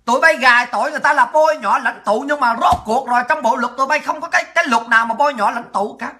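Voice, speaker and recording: A woman rants to her livestream audience in a very high, sharp and cutting voice. She is furious throughout, hurling insults and often shouting. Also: quick pace. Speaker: political livestream host. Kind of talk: angry political rant.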